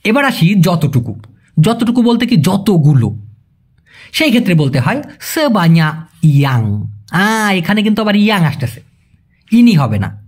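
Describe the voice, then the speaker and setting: A man's voice: high voice, big pitch swings, measured pace, long pauses, husky. A man teaching a language in a casual video lesson, patiently explaining and repeating key terms and quizzing his viewers.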